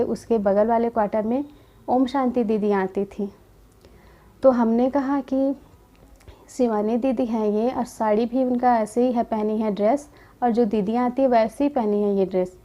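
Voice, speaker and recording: A young woman giving a gentle personal testimony about her spiritual path, quoting conversations in her own voice. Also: fairly high pitch, lo-fi sound. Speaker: spiritual community member sharing her experience.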